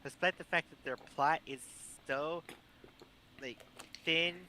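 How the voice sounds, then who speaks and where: Male co-host, slightly high and bright, stammers in casual chat, faint background noise. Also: fairly even intonation, slow pace. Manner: stammering restarts, reads out lists. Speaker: podcast co-host.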